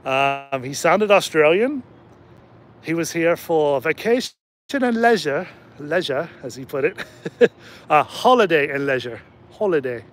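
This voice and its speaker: A man hosting a casual livestream outdoors at night, jokey and rambling, his throat slightly hoarse from talking. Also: fairly high pitch, slight background noise. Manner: rambling and jokey, laughs often. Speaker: channel host and rideshare driver.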